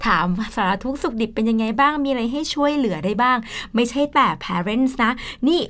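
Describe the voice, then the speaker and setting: A woman's voice: on the high side, lively intonation, a little fast, a bit bright. A woman with a Thai accent co-hosting a radio English lesson, explaining in Thai and repeating in simple English. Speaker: radio co-host.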